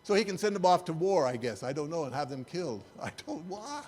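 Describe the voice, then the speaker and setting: A man's voice: fairly high pitch, sing-song, a little fast, a little mellow. An older man, a church speaker, giving a sermon-style talk with slides in a wry, incredulous, conversational way.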